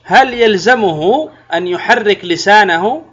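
A man's voice: high-pitched, expressive, a little slow, fairly bright tone, breathy edge, lo-fi sound. A man teaching a religious lesson on Islamic law. He reads a passage and then explains it step by step, posing questions and answering them himself.

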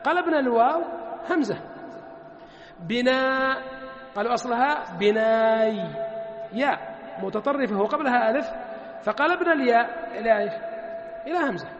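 High-voiced male teacher in an echoey hall. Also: expressive, lo-fi sound, soft background music. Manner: asks the class questions and answers them himself; draws out word forms slowly. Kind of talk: grammar lesson.

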